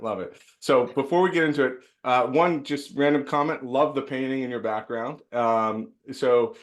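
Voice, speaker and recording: A man hosting a caregiver support webinar over a video call, chatty, with many fillers and restarts. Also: medium pitch. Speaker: host.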